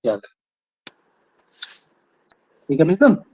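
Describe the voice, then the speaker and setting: A man with a somewhat high voice leads a grammar class, firing questions and repeating them until students reply. The recording sounds dull and lo-fi. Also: wildly swooping pitch, slow pace, breathy edge. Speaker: Sanskrit grammar teacher.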